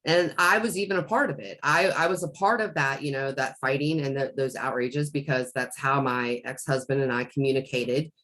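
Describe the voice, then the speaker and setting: Low-voiced woman, rambling coach talk. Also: fairly even intonation, moderate pace, hardly any pauses, fairly bright tone. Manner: rambling, with many restarts and fillers. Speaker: life coach. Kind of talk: casual podcast conversation.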